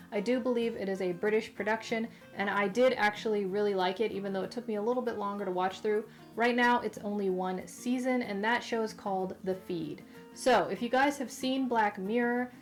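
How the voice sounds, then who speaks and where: Casting: female vlog host, chatty and emphatic, mid-pitched, talking post wisdom tooth surgery, music behind her. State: mouth affected after wisdom tooth removal. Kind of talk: casual recommendation vlog to viewers.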